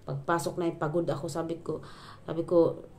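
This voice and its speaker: A woman's voice: deep voice, level tone, brisk, darkish tone. A woman from the Philippines, vlogging at home, venting to her viewers in a rambling way, full of fillers and restarts and dropping in English words. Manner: exasperated venting. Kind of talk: casual chat to viewers.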